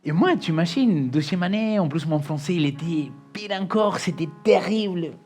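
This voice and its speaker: Argentine-accented preacher swinging loud to hushed. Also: male voice, sits high, lively intonation, normal speed, faint music behind. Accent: Argentine Spanish. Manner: dramatic, swings from loud emphasis to hushed confession. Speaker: pastor. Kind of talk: emotional storytelling sermon.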